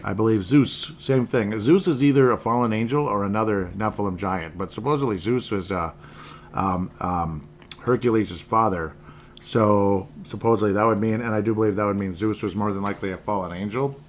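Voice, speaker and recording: A man's voice: lowish voice, normal speed, slight background noise. A man hosting a channel, chatting casually in a rambling way after a clip. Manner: rambling, with fillers and restarts. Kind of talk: casual chat.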